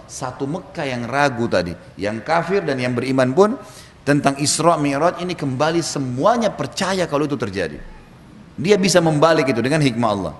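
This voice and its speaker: Lively storytelling male preacher. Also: medium pitch, a little hiss or hum. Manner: lively storyteller, chuckles, acts out quotes. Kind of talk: sermon storytelling. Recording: echoey hall reverb, faint ambience.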